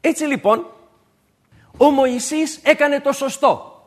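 A man preaching a sermon to his congregation, emphatic and repeating his key points. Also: very high voice.

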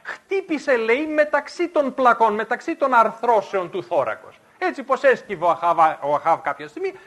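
A man preaching a Bible study in an animated storytelling manner. His voice is unusually high for a man and lively in pitch. He moves between reading scripture and explaining it plainly.

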